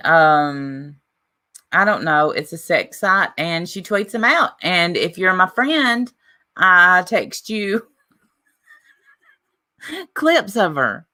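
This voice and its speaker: Slow, low-voiced deadpan woman co-host. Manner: deadpan, teasing. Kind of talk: casual livestream chat.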